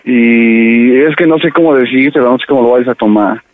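A man's voice: medium pitch, moderate pace, phone-quality sound. Stammering man pleading on a prank call. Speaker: radio prank caller. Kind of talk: prank call, playing a nervous son. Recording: radio broadcast with music behind.

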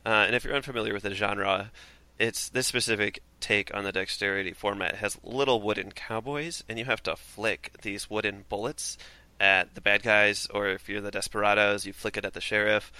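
A man's voice: on the low side, steady tone, fairly quick, bright, forceful tone, clean tone, dry recording. A man from Minnesota with a Minnesotan accent, chatting casually on a podcast, rambling and laughing often.

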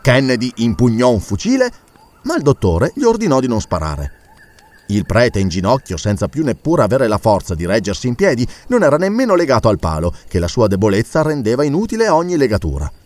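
A man reading a classic adventure novel aloud as an audiobook, with an expressive, dramatic delivery. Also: mid-range voice, brisk. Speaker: audiobook narrator. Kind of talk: audiobook narration.

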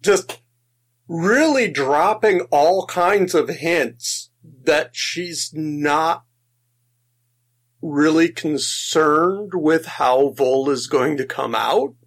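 Man, husky voice, unhurried, laughs a lot, casual film podcast co-host. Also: fairly high pitch. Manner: enthusiastic, laughs often, restarts sentences.

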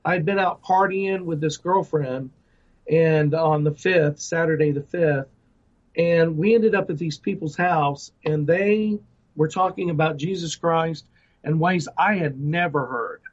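Speaking a little slowly in a slightly high voice, a middle-aged man gives an earnest testimony as a guest ministry director in an interview. He keeps restarting and leans on fillers. The recording is lo-fi and dull.

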